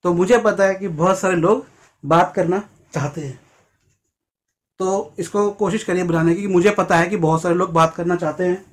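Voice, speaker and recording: A man with a fairly high voice teaches English grammar to his viewers. He breaks each phrase into single words and says them slowly and deliberately. Now and then he acts out a short everyday scene in a lifted voice. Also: steady tone. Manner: explains slowly, repeats English phrases word by word; acts out little quoted scenes with a raised voice. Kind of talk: Hindi-language English grammar lesson.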